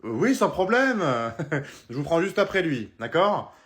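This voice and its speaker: A young man acting out comedy sketches, animated and exaggerated, swinging between shouts and mutters. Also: on the high side, measured pace. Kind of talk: comedy sketches, several roles.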